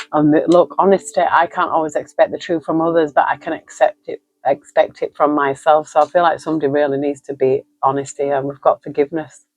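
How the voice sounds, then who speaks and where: A woman's voice: deep voice, low-quality recording. A woman giving a spoken tarot card reading, reflective and emotional, listing card meanings aloud. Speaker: tarot reader.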